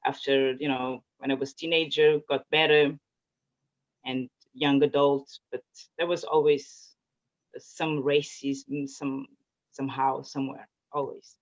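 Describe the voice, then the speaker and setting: A woman's voice: a bass voice, flat delivery, unhurried. A woman from Portugal, a native Portuguese speaker, answering interview questions in a casual, hesitant way with many fillers and restarts. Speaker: interview guest. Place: home in Zurich. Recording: muffled lo-fi audio.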